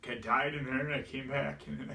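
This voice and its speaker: A man's voice: medium pitch, steady tone, fairly quick, sharp tone. A man telling an emotional personal story, tearful and laughing through it, his voice breaking. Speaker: vlogger. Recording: roomy echo, distant from mic.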